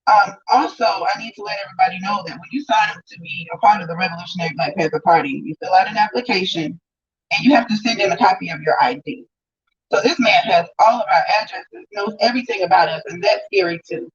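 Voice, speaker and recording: A woman calling in to a live talk show, earnestly defending her credibility, her voice muffled and bass-heavy over the phone. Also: fast talker. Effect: muffled, bass-heavy phone audio. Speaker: guest caller.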